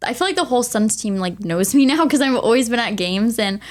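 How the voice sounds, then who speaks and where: A woman's voice: on the high side, lively intonation, brisk. A young woman, a guest on a casual podcast, talking in a bubbly, chatty way and laughing often. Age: young adult. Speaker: podcast guest, sports creator.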